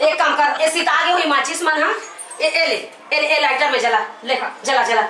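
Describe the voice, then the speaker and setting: A woman with a Chhattisgarhi accent playing a grumbling mother-in-law in a village comedy sketch, calling out loudly and humming devotional tunes. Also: high-pitched, fairly even intonation, moderate pace, echoey room, distant mic, heavy background noise. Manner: grumbling, calls out loudly, hums devotional song.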